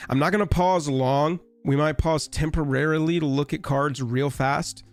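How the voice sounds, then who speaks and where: A man with a hoarse, raspy voice from a recent illness chats casually to his live-stream audience, sitting a little higher in pitch than most men. He talks in a rambling, wry, offhand way, with faint music playing softly behind him. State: sick, hoarse.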